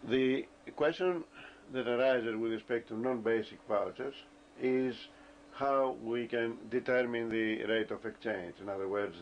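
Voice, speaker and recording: A man lectures in a low, gravelly voice, working through his explanation slowly, with frequent pauses and hesitations. The recording is dull and lo-fi, with a faint hiss of ambient noise behind him.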